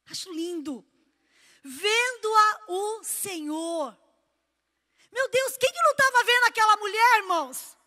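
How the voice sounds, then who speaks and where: A woman pastor preaching a sermon in a church, impassioned, swinging between loud cries and soft, low passages.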